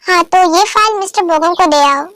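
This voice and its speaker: A woman's voice: extremely high pitch, fairly quick, bright, forceful tone, dry recording, clean studio sound. A woman voicing a stern, controlling middle-aged father and boss who speaks in a curt, commanding way.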